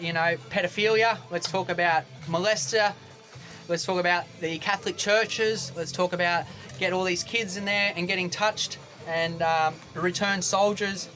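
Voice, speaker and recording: Australian guy vlogging from a boat, rambling and combative rant, middling pitch, faint music playing behind him. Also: pushed and bright. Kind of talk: ranting monologue to camera. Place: on a boat outdoors.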